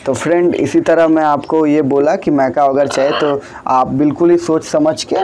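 A man's voice: a little high, steady tone, normal speed, darkish tone, a little hiss or hum. A young man in his twenties running a bird farm, giving a chatty how-to vlog and calling the viewers friend over and over. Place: small room with blue walls, indoors.

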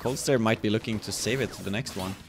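A man casting a fighting game tournament in a relaxed, chatty way, with many fillers and frequent chuckles. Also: on the low side, fast. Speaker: esports caster. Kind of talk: casual game commentary. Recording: music playing behind.

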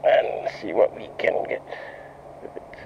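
Filmed with a head-mounted action camera, this fishing vlogger from Jamaica casually narrates his outing on the rocky shore near a bridge. He speaks at a measured pace, relaxed and frequently muttering to viewers, and the lo-fi audio picks up outdoor noise.

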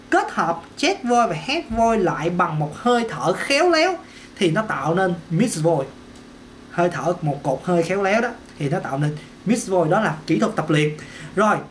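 A man's voice: sits high, fairly bright tone, slight background noise. A man giving a casual singing lesson, chatty, repeating words and dropping in little "ok"s. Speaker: singing teacher. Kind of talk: casual vocal lesson to camera.

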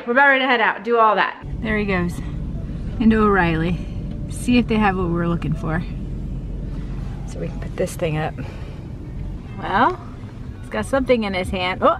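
A woman's voice: medium pitch, lively intonation, normal speed, long pauses, fairly bright tone, soft background music. A woman in her thirties chatting casually to the camera for a family vlog, rambling with fillers while running errands. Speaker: family vlogger.

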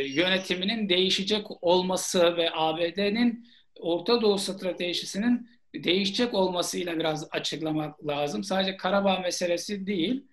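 Male academic, forties, noticeably high voice, explaining in an online seminar on a video-call mic. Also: fairly bright tone. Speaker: seminar lecturer, Gulf studies expert. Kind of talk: online seminar question-and-answer. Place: small plain room indoors. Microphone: video call, earphone headset.

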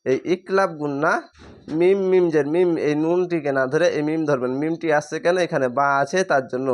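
A man teaching Quran reading, spelling each word letter by letter and then stretching out the whole word slowly. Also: on the high side. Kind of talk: spelling-out recitation lesson.

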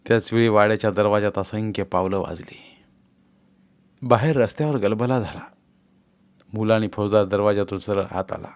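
A man's voice: fairly low pitch, normal speed, pauses often. Man reading a novel steadily. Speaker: audiobook narrator. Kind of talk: scripted novel narration.

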